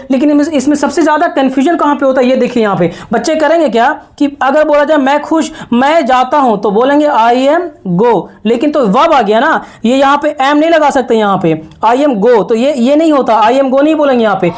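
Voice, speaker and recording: High-voiced woman teaching grammar. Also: a little mellow. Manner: slow, repetitive, checks understanding often. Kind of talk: classroom lesson explaining grammar.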